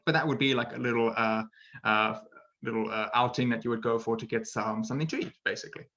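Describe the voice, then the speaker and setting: This man talks fast in a gravelly, bright, forceful mid-range voice with fairly even intonation, and the highs are cut off. He's an English teacher giving a laid-back webinar lesson on a computer mic. He jokes at his own expense, stays chatty and playful, and caps lines with "right?"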